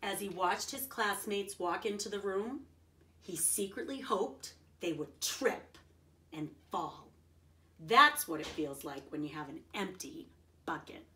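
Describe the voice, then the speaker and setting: A woman with a medium-pitched, bright, forceful voice reads a children's picture book aloud with lots of expression. She adds simple explanations and checks in with her young listeners. The recording has a roomy echo, and she sits far from the mic.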